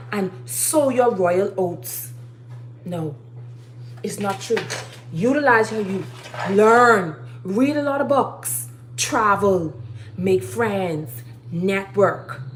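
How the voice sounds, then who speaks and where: A woman's voice: medium pitch, a little hiss or hum, poor audio. Woman, 30s, live streamer, casual but sermon-like advice, insistent and repetitive, cooking in a home kitchen. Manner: preachy, urging, repeats key phrases.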